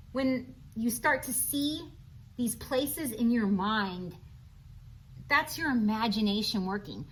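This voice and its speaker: A children's read-aloud presenter with a high, very lively voice reads a storybook to young kids. Her animated intonation swings widely as she addresses listeners directly, asking questions and tossing in encouraging asides, though the recording is rough.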